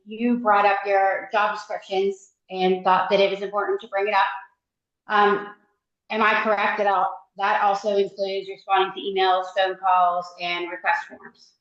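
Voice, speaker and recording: A woman's voice: medium pitch, little pitch movement, moderate pace. A woman calling into a meeting remotely on an echoing speakerphone, asking pointed, confrontational questions. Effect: echoing speakerphone call audio. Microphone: phone on speaker, remote call. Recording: muffled, echoey remote call line.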